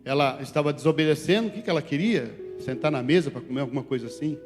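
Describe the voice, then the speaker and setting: Animated Brazilian pastor preaching. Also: male voice, fairly high pitch, fast. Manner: animated, shifts between loud calls and soft asides. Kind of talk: sermon. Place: church sanctuary. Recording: reverberant church hall with faint music.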